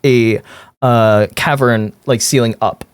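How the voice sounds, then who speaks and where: Male game master, medium pitch, descriptive, halting improvised narration, dry close recording. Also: steady tone, clear, resonant tone, no room sound.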